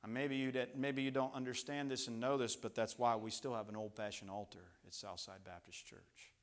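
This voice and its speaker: A middle-aged man preaching a Baptist sermon in a church, swinging from loud passionate highs to low hushed lines and often repeating and restarting words. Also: steady tone, brisk. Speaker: pastor. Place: church sanctuary.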